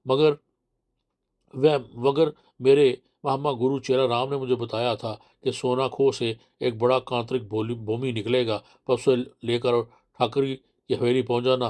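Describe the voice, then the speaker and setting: A man's voice: medium pitch, flat delivery, unhurried, darkish tone, close to an everyday voice. A man reading the part of a sly village man who coaxes and presses a guest with fake friendliness. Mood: confiding. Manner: coaxing and pushy. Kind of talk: audiobook character voice.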